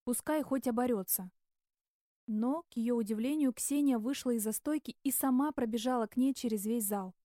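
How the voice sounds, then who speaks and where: Female audiobook narrator, slightly high voice, dry close sound. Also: normal speed, mellow, no room sound. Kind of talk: scripted narration.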